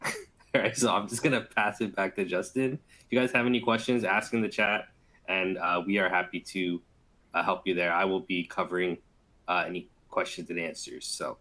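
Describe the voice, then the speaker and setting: A man co-presenting a webinar in a flat, monotone delivery, pausing often with "um" and "uh.". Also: low-pitched. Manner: self-described monotone, hesitant with many fillers.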